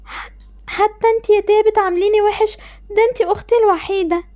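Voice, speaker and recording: A woman's voice: very high voice, steady tone, fast talker, mellow. A woman voicing a sad, tearful young girl, Lamar. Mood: pleading. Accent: Egyptian Arabic. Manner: tearful, pleading. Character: sad young girl, rejected by her family. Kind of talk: voiced game-animation story.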